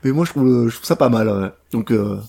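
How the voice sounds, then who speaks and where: A man's voice: mid-range voice, animated, brisk, creaky, dark tone, husky. A man as a podcast guest in casual chat, hesitant, with short agreeing replies.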